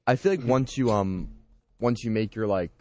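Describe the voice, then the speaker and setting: A man in casual sports talk on college radio, animated and full of "like" and "you know what I mean". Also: lowish voice, moderate pace, no echo.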